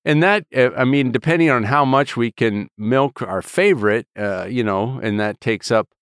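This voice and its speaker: Rambling man with a smooth voice. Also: medium pitch, no echo, studio quality. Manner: rambling, halting with many fillers and restarts. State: voice lower than usual from a cold. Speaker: podcast co-host. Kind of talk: casual chat.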